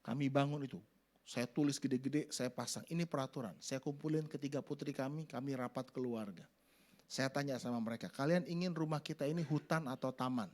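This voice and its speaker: A middle-aged man preaching a sermon, acting out family scenes in sudden loud voices. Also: medium pitch, brisk. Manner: animated, acts out family scenes with shouted voices. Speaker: pastor.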